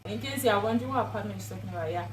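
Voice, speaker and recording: Expressive woman vlogging, echoey room. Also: mid-range voice, very fast. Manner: expressive, dramatic storytelling with exclamations. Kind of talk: casual vlog talk to camera.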